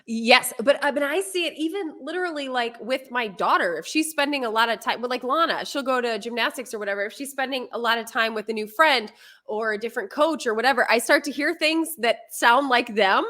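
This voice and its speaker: A woman co-host with a bright, forceful voice that sits a little high. She chats in a lively, animated way and laughs easily. She talks like the former TV weather forecaster she is. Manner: chatty and animated, quick laughs. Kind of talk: casual chat.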